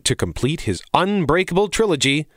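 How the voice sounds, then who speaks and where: A man's voice: a little high, sing-song, moderate pace, a bit bright, no room sound, clean studio sound. A man hosting a radio show, reading a scripted movie preview. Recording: voice over clear background music.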